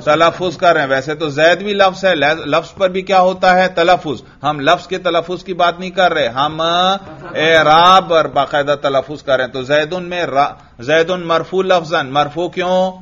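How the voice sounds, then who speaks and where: A man's voice: on the high side, fairly even intonation, a bit bright. A male teacher leading a classroom grammar drill, asking questions and answering them himself, chanting the parsing in a sing-song. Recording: dull lo-fi sound.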